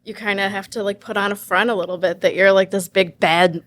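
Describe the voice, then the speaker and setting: A woman co-hosting a podcast, speaking in a halting way full of fillers during a casual chat. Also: mid-range voice, fairly even intonation, fairly bright tone, a little hiss or hum. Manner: halting, filler-heavy speech.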